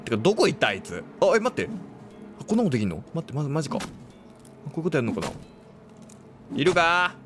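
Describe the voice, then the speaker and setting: A man casually commentating his playthrough of a horror game, chatty and quick to react with exclamations. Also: fairly high pitch, huge pitch swings, over music.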